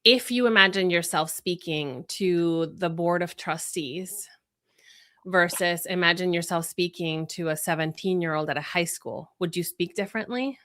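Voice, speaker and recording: This Venezuelan woman, a native Spanish speaker working as a brand strategist, has a fairly low voice with a sharp edge and keeps a moderate pace. Interviewed on a podcast, she explains her thinking through examples and rhetorical questions.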